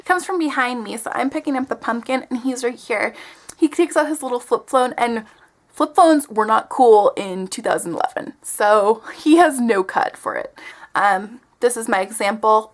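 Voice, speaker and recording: A young woman in her early twenties talks straight to her camera. Her voice sits high, and she rambles in a casual, chatty way, filling gaps with "um" and "like" as she tells the story. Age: young adult. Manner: chatty, lots of "um" and "like", mimics voices for effect. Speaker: vlogger.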